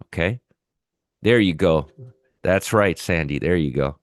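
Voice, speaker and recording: Under the weather and nursing a sore throat, a man hosts a live pre-market market commentary show in a deep voice with lively intonation and a measured pace. His delivery is conversational and he repeats his points, with no echo in the recording.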